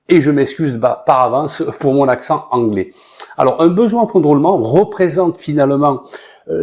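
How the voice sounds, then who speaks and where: A man explaining business finance in a mellow, fairly high voice. He hesitates often and fills the pauses with filler sounds as he works through his lesson. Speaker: business management teacher. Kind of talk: explanatory lesson with a short acted opening.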